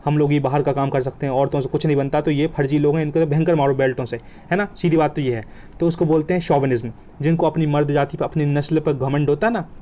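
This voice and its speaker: Fast-talking vocabulary teacher, man. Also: fairly high pitch, fairly even intonation, warm tone. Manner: colloquial, joking, emphatic with vivid examples. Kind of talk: exam coaching lesson.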